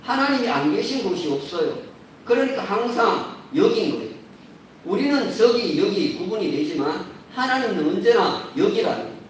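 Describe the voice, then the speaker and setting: A man preaching a sermon as a pastor, measured and building to emphatic points, recorded in a church sanctuary. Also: sits high, lively intonation, slight background noise. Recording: roomy echo, distant mic.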